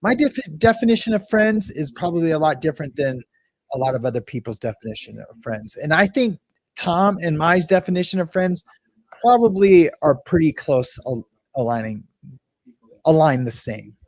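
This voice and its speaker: Man, livestream host, slightly high voice, dry close sound, rambling and chatty. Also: expressive, moderate pace, no echo. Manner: rambling, greets chat viewers, frequent restarts and filler. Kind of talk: casual livestream commentary.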